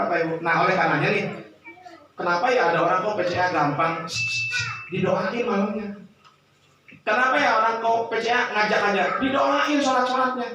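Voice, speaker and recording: A man preaching and motivating a live audience, often shouting and acting out hushed prayers. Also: sits high, slight background noise. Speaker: preacher and business motivational speaker. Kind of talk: rousing seminar talk to a live audience. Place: large meeting hall with an audience. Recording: echoey hall, voice from far off.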